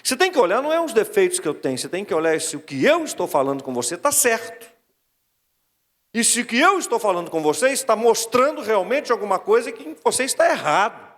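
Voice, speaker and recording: A Brazilian man preaches a wedding sermon in a high, lively voice that swings up and down as he exhorts. He mimics whiny excuses now and then. The sound rings with the long reverb of a big church hall. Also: fast talker. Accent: Brazilian Portuguese. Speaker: pastor officiating a wedding.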